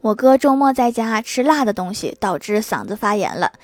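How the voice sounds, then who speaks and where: A woman's voice: a little high, lively intonation, no room sound, soft background music. A woman hosting a comedy podcast, reading scripted jokes and anecdotes in a playful, teasing way. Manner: playful, teasing, quick punchlines. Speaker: host of a comedy sketch podcast.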